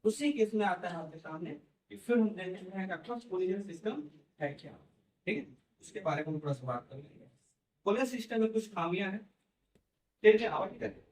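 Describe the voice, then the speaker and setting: Here the teacher's high voice is lively and a little mellow, and he moves briskly but pauses often. He walks the class through the material step by step, checking in with "theek hai" and "hai na." Recorded from far off without a microphone, the classroom sounds echoey.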